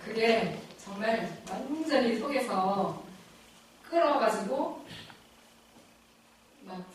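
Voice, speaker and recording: Middle-aged woman telling a lively testimony in an echoey room. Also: on the high side, very slow, recorded from a distance, slight background noise. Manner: animated, emotional storytelling with frequent laughs. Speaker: guest lecturer at a church faith lecture. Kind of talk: personal faith testimony talk. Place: church lecture room.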